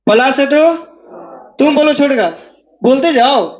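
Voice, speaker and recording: Very high-voiced maths teacher. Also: male voice, measured pace, muffled recording. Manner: drills students, asking them again and again to answer aloud. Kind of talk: classroom lecture. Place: classroom.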